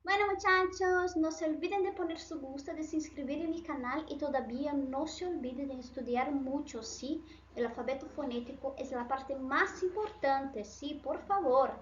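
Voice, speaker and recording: Brief: Brazilian woman, language teacher, high voice, keeps checking "ok?", echoey, slightly dull room sound. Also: normal speed, slight background noise. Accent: Brazilian Portuguese. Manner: checks in often with "ok?" and "sí?". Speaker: Spanish teacher. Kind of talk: bilingual language lesson.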